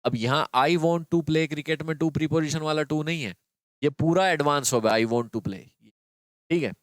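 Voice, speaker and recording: A man's voice: on the high side, a little slow, no room sound. A man teaching an exam-prep English grammar lesson, explaining step by step and repeating key phrases to his students.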